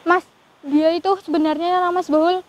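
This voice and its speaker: Very high-voiced woman, fearful and prayerful. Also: level tone, a little fast, lo-fi sound, a crowd in the background. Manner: fearful, praying aloud often. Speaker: ghost-hunting vlogger. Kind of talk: live paranormal investigation vlog.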